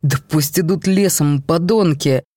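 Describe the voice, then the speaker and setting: Edward is a young man torn by rage and grief, his lines snapped out in sharp outbursts, as a storybook reader plays him. The voice sits at a middling pitch and is recorded close and dry, with no room sound around it. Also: unhurried, no echo, close to an everyday voice. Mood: agitated. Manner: outbursts of anger. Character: angry young man desperate to find his twin.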